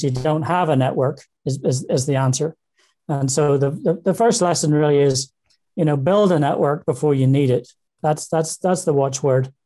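A man in his sixties with a Northern Irish accent, speaking on a video call from a small room. His voice is mellow and dark, and he often repeats words as he thinks aloud in an easygoing interview. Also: fairly high pitch. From Northern Ireland. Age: 60s. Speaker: interview guest. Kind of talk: casual interview talk. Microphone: video call webcam.

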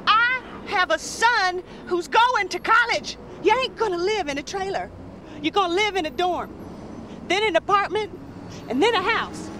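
A woman's voice: extremely high pitch, animated, normal speed, noisy background. An actress playing a blunt, earnest, middle-aged working-class mother who talks in plain country speech. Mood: impassioned. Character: worn-down, determined working-class trailer-park mother.

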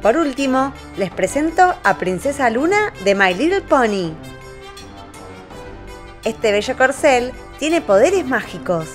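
Bright sing-song woman toy host, high-pitched. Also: very animated, slow pace, soft background music.

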